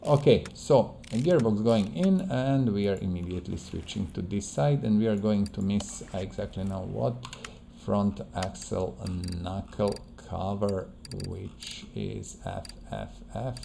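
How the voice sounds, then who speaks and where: Background noise accompanies a gaming video host whose low-leaning, creaky voice carries lively intonation at a measured pace. English isn't his first language, and his casual playthrough commentary is hesitant, with word-searching and repetition.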